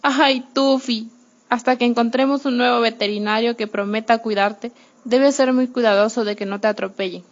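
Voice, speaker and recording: A woman voicing a tearful, soft-hearted young girl in a storybook reading, with a whiny pleading manner, on a muffled lo-fi radio recording. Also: a little high, moderate pace. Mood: tender.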